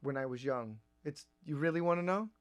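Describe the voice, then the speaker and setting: A young man co-hosting a sports podcast, answering his friend with wry, deadpan comebacks. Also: on the high side, fairly quick, over music. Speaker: podcast co-host. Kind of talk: casual sports chat.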